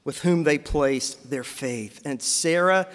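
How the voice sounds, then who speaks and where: A man with a high voice preaches a sermon from the pulpit, asking questions of his congregation. His words ring out with the long reverb of a church hall. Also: takes it slowly. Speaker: pastor.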